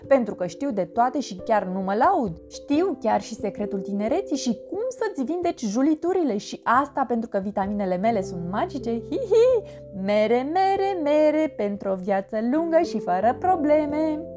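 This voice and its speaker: A woman's voice: fairly high pitch, lively intonation, close to an everyday voice. A woman playing a chattering know-it-all apple. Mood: chatty. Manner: chatty, rapid, boastful. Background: background music.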